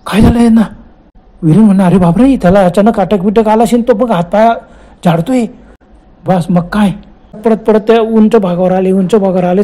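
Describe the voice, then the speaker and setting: A man narrating a horror story in a lively, exclaiming way, acting out the characters' cries and dialogue, with a Marathi accent. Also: sits high.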